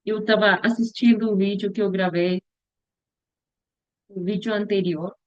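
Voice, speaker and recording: A young woman talking slowly and hesitantly in a casual vlog about her upcoming mission, often stopping to search for words and restarting her sentences. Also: mid-range voice, fairly even intonation, no room sound. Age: young adult. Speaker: future missionary practicing a language. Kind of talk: casual reflective vlog monologue. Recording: dull, dry lo-fi recording.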